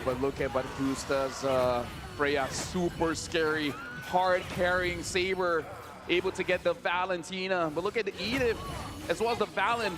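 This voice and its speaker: High-pitched excitable male esports caster. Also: normal speed, noisy background. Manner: excitable, emphatic. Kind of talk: live esports commentary.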